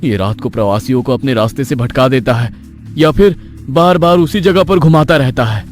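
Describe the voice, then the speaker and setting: A man voicing a nervous young husband in an animated horror story, talking in an anxious, excited way. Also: medium pitch, moderate pace, faint music behind, natural voice.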